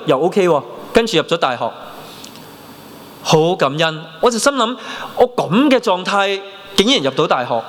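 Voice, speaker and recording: Animated Hong Kong preacher in a hall. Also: male voice, a little high. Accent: Hong Kong Cantonese. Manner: animated storytelling, mixing in English words. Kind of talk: sermon with personal testimony. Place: church hall. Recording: long reverb of a church hall.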